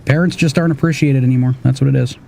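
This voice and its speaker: Teasing, foul-mouthed middle-aged dad streamer. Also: male voice, mid-range voice, fairly even intonation, rapid-fire, vocal fry, mellow, a little hiss or hum. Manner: teasing, exasperated, swears often. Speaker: gaming streamer and father. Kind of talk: casual banter while streaming a game.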